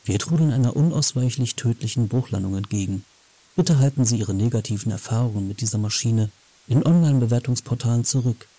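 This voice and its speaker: A man's voice: medium pitch, fairly quick, warm tone, no room sound, natural voice. A man playing an airline captain giving a formal, mock-solemn cabin announcement from the cockpit.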